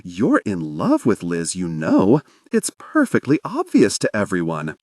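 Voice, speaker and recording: A sarcastic female golden retriever who knows better than her owner, as a male narrator puts her on. She drawls slowly and dryly in a fairly low, lively voice, recorded close with no room sound. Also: no echo, heavily acted. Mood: exasperated. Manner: slow, exasperated, sarcastic. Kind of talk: audiobook character voice.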